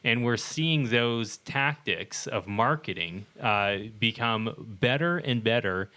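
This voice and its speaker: A man's voice: mid-range voice, expressive, slow pace, sharp tone. A man co-hosting a casual discussion podcast, talking in a rambling way with many fillers and restarts. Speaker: podcast co-host.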